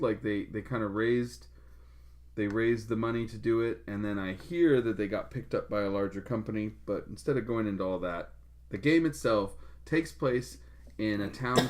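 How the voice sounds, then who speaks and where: A man's voice: mid-range voice, normal speed, gravelly. A man co-hosting a podcast in casual chat, rambling with fillers and laughing often. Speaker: podcast co-host.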